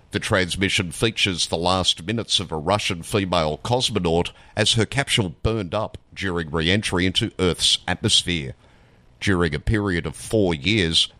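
A very low-voiced man narrates scripted news with a forceful, bright edge. His delivery has the drama of documentary storytelling. The sound is close and dry. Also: dry recording. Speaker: amateur radio news reader.

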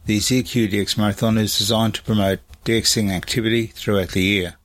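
Aussie bloke reading a radio news bulletin, fairly low voice. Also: male voice, steady tone, brisk. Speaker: operational news presenter.

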